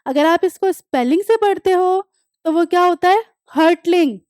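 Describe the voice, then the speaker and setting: In this studio-quality clip with no echo, a young woman speaks in an extremely high, slightly mellow voice. Working through a textbook chapter as a classroom lecture, she reads the English text slowly and explains it in Hindi, drilling pronunciation by repeating words.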